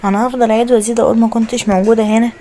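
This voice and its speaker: A woman with an Egyptian Arabic accent voicing a busy mother who bosses her family around, brisk and scolding, in a home-made animated story. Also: fairly high pitch, soft background music, close to an everyday voice. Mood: explaining.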